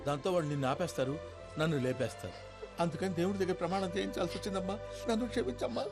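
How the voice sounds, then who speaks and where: An actor playing a flustered, sarcastic middle-aged comic sidekick in a film comedy. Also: male voice, high-pitched, racing, loud music behind the voice. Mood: pleading. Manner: exasperated, sarcastic.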